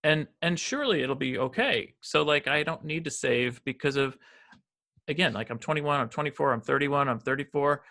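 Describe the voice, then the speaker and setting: Here a medium-pitched male voice with a sharp tone moves at a moderate pace. The speaker, a fiftysomething American financial advisor guesting on a podcast, rambles through casual interview conversation, restarting often and leaning on fillers.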